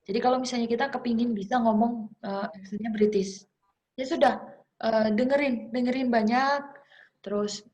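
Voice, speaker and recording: Young woman, English teacher, informal lecture, chatty, encouraging, lots of fillers, medium pitch. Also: a little mellow. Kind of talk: informal online class lecture.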